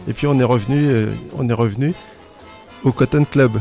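Male, gravelly creaky voice, enthusiastic casual radio chat, loud music behind. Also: medium pitch, fairly even intonation, a little fast.

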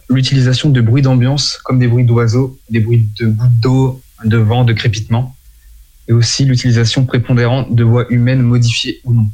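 A man presenting and explaining a music genre in French, in a clear explanatory way, with small slips he apologizes for. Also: medium pitch, a little mellow.

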